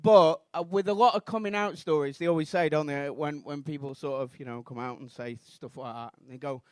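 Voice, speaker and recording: A thirtysomething Mancunian comic rambles through a self-mocking stand-up routine at a comedy club, now and then exploding into shouted indignation. His voice is a little high, smooth and fairly quick, recorded without any echo.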